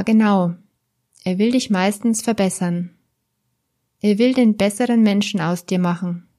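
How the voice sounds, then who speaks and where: A woman coach speaking to the listener in a calm, gentle way, guiding them through their thoughts step by step. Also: medium pitch. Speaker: therapist or coach. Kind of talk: slow, guiding talk to the listener.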